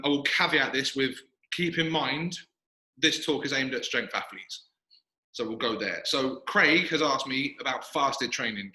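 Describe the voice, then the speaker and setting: Male podcast host, quick and self-mocking, recorded with big hall echo in a gym. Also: mid-range voice, bright, forceful tone. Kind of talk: casual chat. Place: echoey gym, sitting in a squat rack. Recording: echoey gym room.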